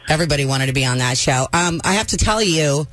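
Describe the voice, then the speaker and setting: A woman's voice: low voice, lively intonation, quick pace, fairly bright tone, no echo. A woman hosting a call-in radio show, bubbly and enthusiastic as she takes calls and chats with a guest. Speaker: radio host.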